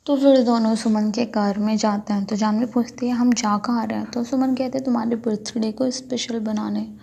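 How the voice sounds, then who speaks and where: A woman telling a story in a quick, chatty way, stringing events together loosely. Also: on the high side, steady tone, vocal fry, dark tone. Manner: quick, chatty retelling with frequent "to" connectors. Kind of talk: casual spoken storytelling.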